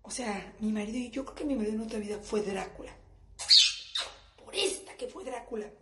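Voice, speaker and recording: A woman tells a brash, profane comic story for her live stream. Her fairly high voice bounces around the hard walls of a home bathroom and leaves a strong echo. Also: a little fast, a little mellow. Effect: echoey bathroom acoustics. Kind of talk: comedic monologue. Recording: echoey bathroom.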